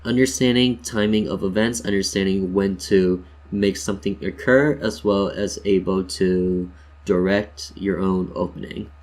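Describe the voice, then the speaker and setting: A deep, slightly mellow male voice with fairly even intonation speaks a little slowly as he narrates a casual screen-share tutorial. He's playful and jokey, walking "you guys" through each step conversationally.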